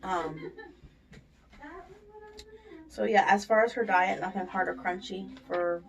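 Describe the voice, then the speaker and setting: Speaking slowly in a medium pitch with a steady tone, a dental surgery staff member goes over aftercare step by step in informal spoken instructions, frequently checking that the patient follows. She's indoors at a clinic, picked up by a distant microphone with faint room noise.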